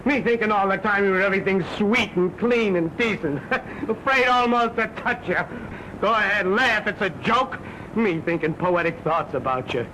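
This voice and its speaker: A man's voice: high voice, normal speed, pushed and bright, a little hiss or hum, low-quality recording. A drunken jealous young man. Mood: bitter. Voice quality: bitter and insulting. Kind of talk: early-1930s film acting.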